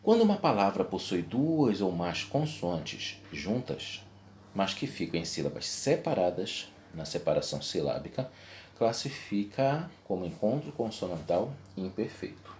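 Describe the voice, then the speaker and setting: Male teacher, lowish voice, step-by-step explaining, faint hum behind. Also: sing-song, measured pace, darkish tone. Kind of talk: video lesson.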